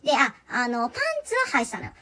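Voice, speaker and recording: A young woman telling a funny story from her job in a chatty, animated way, laughing often. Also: a little high, rapid-fire. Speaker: live chat performer telling a work story. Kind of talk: casual solo talk radio storytelling.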